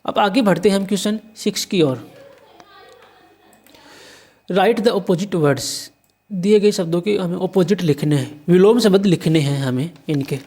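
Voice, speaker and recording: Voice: mid-range voice, unhurried, long pauses, mellow. A teacher from India walking through an exam paper, spelling words letter by letter and answering their own questions. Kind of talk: exam paper walkthrough lesson.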